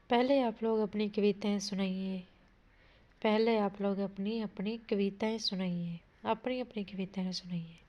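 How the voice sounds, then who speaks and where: A woman with a medium-pitched voice and fairly even intonation speaks slowly, pausing often. She's giving an exam-prep grammar lesson, reading sentences aloud, asking what a word means, correcting it, and addressing her listeners as "bhai." The audio is dull and lo-fi.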